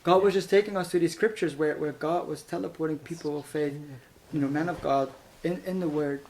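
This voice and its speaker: A man from Iran tells his faith testimony in a lively, casual way, full of restarts and bursts of laughter. His voice sits a bit high for a man. Faint noise hums under the recording. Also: fairly quick. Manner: animated, laughs often, acts out voices in quotes; repeats words and restarts. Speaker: guest giving a testimony.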